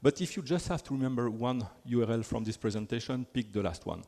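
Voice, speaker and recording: In a large, long-reverb conference hall, a Belgian man with a French accent speaks fast in a medium-pitched, dark voice. His technical talk is chatty and self-deprecating, constantly broken up by fillers and restarts.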